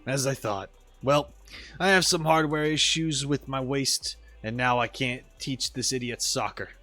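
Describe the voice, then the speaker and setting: A man's voice: medium pitch, unhurried, bright, forceful tone, faint music behind, pitched below the performer's own voice. A man voicing a blustering male robot soccer coach who scolds and insults his player. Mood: grumbling. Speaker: streamer reading game dialogue aloud. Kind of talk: voice acting game dialogue on stream.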